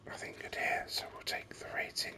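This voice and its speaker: The gaming host whispers breathily for ASMR commentary, thinking aloud in a leisurely, uncertain way with the microphone very near. Delivery is pushed and bright.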